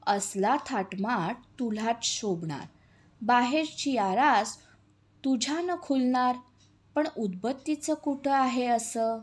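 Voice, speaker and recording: A woman's voice: on the high side, slow. A woman reading kind, coaxing little Panti. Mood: soothing. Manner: gentle, coaxing storybook voice. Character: kind, soothing female friend Panti. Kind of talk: reading a children's dialogue poem.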